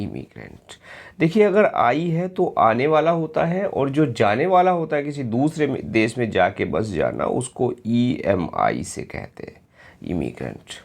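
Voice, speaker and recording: A man with an Indian accent teaching an exam-prep English lesson, patiently spelling out words letter by letter and checking that his students follow along. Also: on the low side. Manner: slow and patient, often checks in with "clear friends?".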